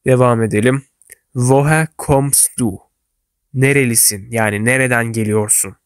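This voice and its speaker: A German language teacher whose first language is Turkish walks learners through everyday German phrases, saying each model phrase slowly and carefully. His middle-pitched voice has a clean tone and fairly even intonation, recorded dry and close with no room echo.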